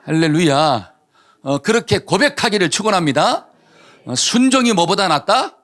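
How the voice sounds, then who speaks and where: A man's voice: high voice, very animated, normal speed, a bit bright. A male pastor preaching a sermon, telling a story and asking the congregation questions that he answers himself.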